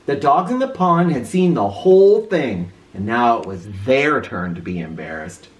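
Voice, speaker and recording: A woman reading a children's story aloud in a theatrical, expressive way, with an informal touch. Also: rumbling low, normal speed, poor audio. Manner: theatrical, with informal asides to listeners.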